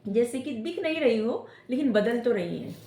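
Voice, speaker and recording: A woman tarot reader giving gentle spiritual advice, often checking in with "theek hai?" as she talks. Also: fairly high pitch, animated, moderate pace, echoey room. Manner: gentle coaching tone, ends phrases with "theek hai?". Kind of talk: casual spiritual advice talk.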